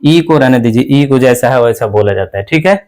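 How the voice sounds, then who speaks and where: A man's voice: medium pitch, lively intonation, a little fast, a little mellow. A man teaching a lesson, explaining letter by letter and asking rhetorical questions. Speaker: English teacher. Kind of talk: classroom-style spoken lesson.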